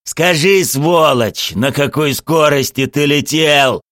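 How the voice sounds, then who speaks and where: A man's voice: fairly high pitch, very animated, a little slow, no room sound, studio quality, voice pushed up. A man playing a furious grieving coach. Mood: raging. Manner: sobbing, shouting threats.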